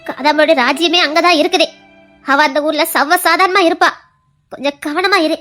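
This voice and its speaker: A woman's voice: high voice, fairly even intonation, moderate pace, pushed and bright, faint music behind, voice pushed down. A woman putting on a firm older mother-in-law. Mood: advising. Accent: Tirunelveli Tamil. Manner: firm, advising tone. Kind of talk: comic skit acting.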